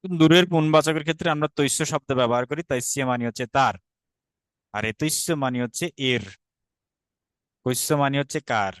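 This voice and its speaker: A man's voice: mid-range voice, brisk, pauses often, fairly bright tone, clear, resonant tone, no room sound. A man with a Bangladeshi Bengali accent teaching an online class, patient, repeating drills and often checking that students follow. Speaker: Sanskrit teacher.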